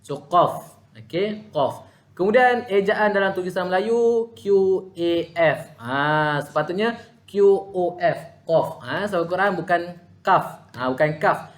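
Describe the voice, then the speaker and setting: A man's voice: high-pitched, expressive. A man with a Malaysian Malay accent teaching Quran recitation in an online lesson, patiently sounding out letters. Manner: patient, demonstrates letter sounds slowly, frequent "ha". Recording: echoey room.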